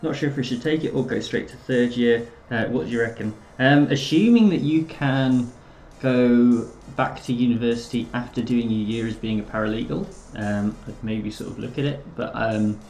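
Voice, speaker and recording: A man's voice: medium pitch, moderate pace, hardly any pauses, a little mellow. Hesitant man chatting in an echoey room. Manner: hesitant, many fillers. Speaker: live streamer. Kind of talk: casual chat with viewers.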